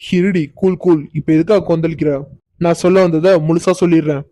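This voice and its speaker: A woman's voice: lowish voice, steady tone, mellow, dry recording, close to an everyday voice. A woman playing a cocky teasing village youth. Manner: teasing, unhurried, mock-innocent. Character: teasing young village man, cocky and playful. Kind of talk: cartoon voice acting.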